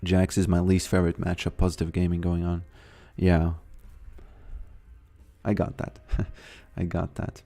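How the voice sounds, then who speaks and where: A man from Latvia, streaming a game and chatting casually in a halting way, repeating words and filling pauses. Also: deep voice, completely flat delivery, warm tone, soft background music. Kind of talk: casual live-stream chat.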